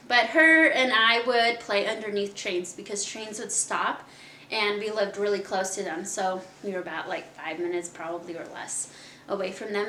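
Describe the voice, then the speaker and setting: In an echoey room, a young Kazakh woman hosts her own podcast, recounting her life story candidly and laughing often. Her medium-pitched voice is bright and forceful, with a little hiss or hum on the recording.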